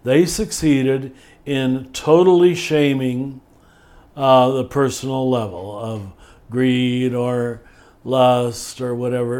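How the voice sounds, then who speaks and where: An older man speaking as a spiritual teacher in a podcast conversation, thoughtful and measured, slowing down to stress key words. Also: mid-range voice, darkish tone.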